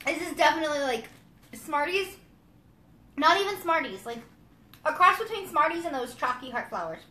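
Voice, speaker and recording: High, lively, fast-talking woman. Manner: quick, chatty, full of "like". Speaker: co-host reviewing candy. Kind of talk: casual live-stream chat. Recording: echoey room, faint noise.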